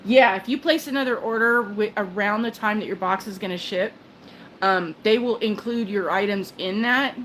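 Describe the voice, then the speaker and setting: Chatting casually on a phone livestream, an older woman rambles on, full of fillers, restarts and small laughs as she cuts herself off. Her mid-range voice has a fairly bright tone and moderate pace, and the poor audio carries a little hiss or hum.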